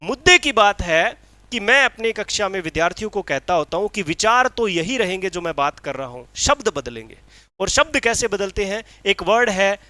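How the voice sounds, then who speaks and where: A man's voice: high-pitched, sing-song, pushed and bright, dry recording. Emphatic male teacher. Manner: emphatic, rhetorical questions, reads English lines slowly. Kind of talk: exam-prep lecture.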